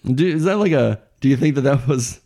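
A man's voice: mid-range voice, lively intonation, a little fast, mellow. A man in his forties co-hosting a podcast in casual chat, joking and laughing often. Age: 40s. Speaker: podcast co-host.

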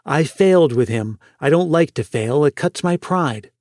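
A man reading as a stern, proud older father who mutters in a gruff, restrained way. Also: a little high, expressive, normal speed, a little mellow, no echo, clean studio sound, natural voice.

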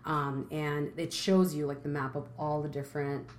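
A woman from Brooklyn, a podcast guest, chatting in an animated way full of asides. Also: deep voice, normal speed, a little hiss or hum. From Brooklyn, New York. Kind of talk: casual chat.

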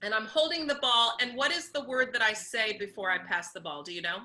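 A woman's voice: on the high side, brisk, pushed and bright. A woman voice coach answering interview questions, explaining technique and demonstrating sounds as she goes. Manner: instructive, demonstrates vocal sounds.

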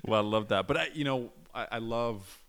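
A man hosting a podcast interview, asking measured, reflective questions. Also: mid-range voice, fairly bright tone. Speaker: podcast host.

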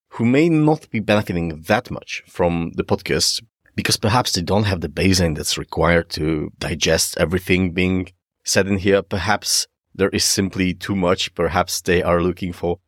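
A man's voice: low-pitched, no echo, clean studio sound. A man with a Polish accent hosting a podcast solo, enthusiastic and informal as he speaks directly to listeners. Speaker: podcast host. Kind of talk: solo podcast presenting, semi-scripted.

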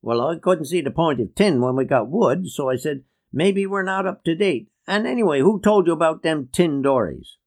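Man putting on a booming old joker. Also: animated, normal speed, few pauses. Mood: mocking. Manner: booming, teasing, tall-tale telling. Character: boisterous old male outport joker. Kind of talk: reading a memoir aloud.

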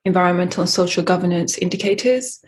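Answering interview questions in a measured way, an Eritrean coffee company founder uses many fillers and restarts. Her voice is lowish, with slight hiss or hum in the background.

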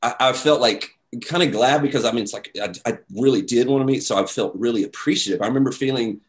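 A man at an ordinary pitch telling a story in relaxed, casual talk. He is animated and acts out what people said, with lots of fillers along the way. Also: fast talker.

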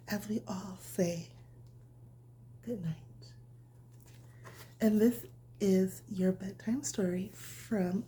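Reading a picture book at bedtime, this woman speaks gently and plainly, the way one would to a little child. Her warm, mid-range voice is breathy and frequently slips into near-whispers.

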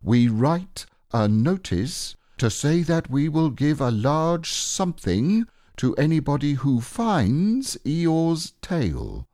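A man's voice: on the high side, very animated, slow pace, mellow, no room sound, studio quality, pitched above the performer's own voice. A man voicing a self-important, long-winded storybook owl with a pompous, explanatory way of talking. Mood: declaiming. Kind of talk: storybook character reading.

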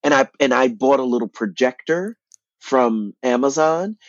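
A man, an actor and playwright, telling his story as an interview guest in an animated way, often repeating words and restarting. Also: medium pitch, normal speed, no echo, dull audio.

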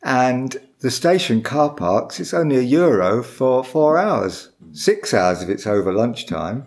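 A man's voice: medium pitch, sing-song, a little slow, a little mellow. An Englishman living abroad, chatting casually at home as a podcast guest, rambling with hesitations. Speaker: guest, expat living in France. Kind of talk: casual chat.

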